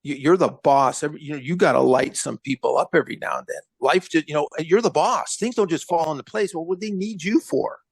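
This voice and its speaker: A man's voice: on the high side, a little fast, gravelly, hardly any pauses, breathy edge, dry recording. A man co-hosting a casual sports podcast, talking bluntly and animatedly about his team's coaching. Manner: animated, blunt, swears freely. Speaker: co-host.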